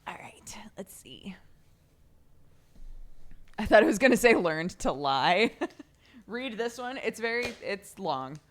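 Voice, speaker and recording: A woman's voice: mid-range voice, very animated, takes it slowly, pauses often, slight background noise. A woman streamer chatting casually and reading a storybook aloud, giggly and offhand, swearing now and then.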